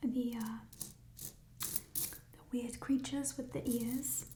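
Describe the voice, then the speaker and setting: A woman in a whispered role-play as a playful, chatty thief, musing hesitantly in a burglar's hushed whisper over stolen treasure. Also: fairly high pitch, little pitch movement, slow, a little hiss or hum. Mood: curious, sly. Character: playful, chatty female thief showing off stolen coins in a fantasy world.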